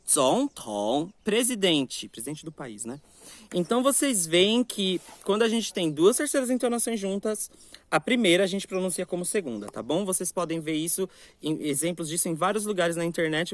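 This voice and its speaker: A man teaching a Mandarin lesson, drawing out example words slowly between explanations. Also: high voice, dry recording. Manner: slow, drawn-out demonstration of Mandarin tones between Portuguese explanations. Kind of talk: language lesson, reading vocabulary examples.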